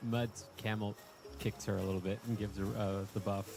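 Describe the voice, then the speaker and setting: A man's voice: lowish voice, little pitch movement, a little fast, creaky. A man chatting casually as a player in a tabletop role-play game. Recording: loud music behind the voice.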